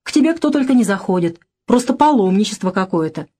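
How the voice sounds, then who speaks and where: A woman voicing a capricious, sharp-tongued young woman in an audiobook reading. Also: mid-range voice, expressive, quick pace, slightly rough. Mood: excitable, mocking.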